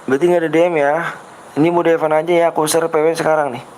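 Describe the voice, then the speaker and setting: A man's voice: fairly high pitch, level tone, very fast, a little mellow, a little hiss or hum, poor audio. A man hosting a game livestream, chatting casually with Jakarta slang, patiently reading comments and coaxing viewers over and over. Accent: Jakarta Betawi slang. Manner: patient, reads chat, repeats himself coaxingly.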